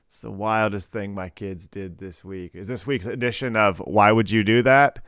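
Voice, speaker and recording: A man's voice: lowish voice, normal speed, clean tone, no room sound, studio quality. A man in his thirties co-hosting a parenting podcast, telling loose stories full of fillers. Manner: relaxed storytelling, many fillers. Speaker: podcast co-host. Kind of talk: casual chat.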